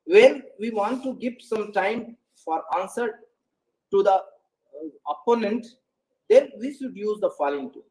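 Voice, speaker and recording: A man's voice: high-pitched, expressive, a little slow, darkish tone, low-quality recording. A man giving a lecture on English intonation to learners, hesitant, with many fillers and restarts. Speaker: English pronunciation presenter.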